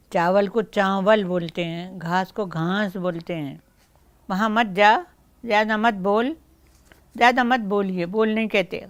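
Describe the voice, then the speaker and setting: A woman speaks in a documentary interview, explaining how people talk by quoting everyday exchanges. Her voice is smooth and clear, at a middle pitch.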